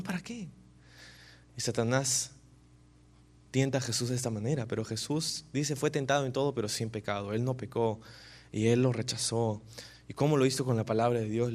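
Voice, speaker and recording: A male pastor delivers a sermon. He stays animated and keeps checking in with his listeners through rhetorical questions, his voice sitting a little high.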